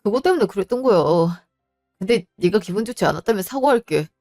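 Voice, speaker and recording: A woman's voice: mid-range voice, animated, brisk, dark tone, faint music behind, lightly acted. A woman voicing a cheating husband and father who pleads and makes excuses in a defensive, wheedling way. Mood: pleading. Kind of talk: storybook voice acting.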